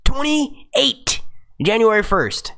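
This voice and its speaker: Youthful-sounding man, animated live-stream chatter. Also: very high-pitched, slow pace, vocal fry. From United States. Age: 20s. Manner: rambling and chatty, with many fillers and profanity. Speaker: YouTube channel host reading live chat. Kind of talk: casual live-stream chat.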